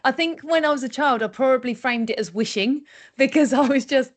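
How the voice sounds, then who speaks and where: A woman's voice: sits high, fairly quick. A woman hosting a podcast, chatting casually and sharing her own memory with her guest. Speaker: podcast host. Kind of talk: casual chat.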